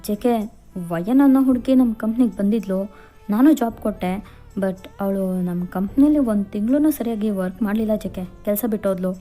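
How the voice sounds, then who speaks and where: A woman's voice: mid-range voice, normal speed, dark tone, soft background music, lightly acted. A woman voicing a ruthless, domineering rich father who coldly threatens a young woman in a fan fiction voiceover. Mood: scheming.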